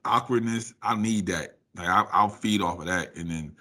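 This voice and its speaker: A talkative young man in casual chat, playful and quick to laugh. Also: deep voice, sharp tone.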